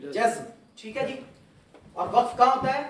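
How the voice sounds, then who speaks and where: High-voiced man teaching in an echoey hall. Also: big pitch swings, normal speed, crowd noise. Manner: patient, repeats and quizzes students. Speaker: religious teacher. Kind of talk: Quran recitation lesson. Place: mosque hall. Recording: echoey hall, far from mic.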